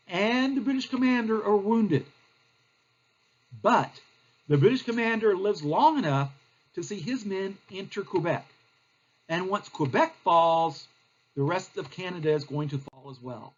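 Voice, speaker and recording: Husky teacher giving a history lecture. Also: male voice, sits high, dull audio. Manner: plain explanatory, frequent fillers and restarts.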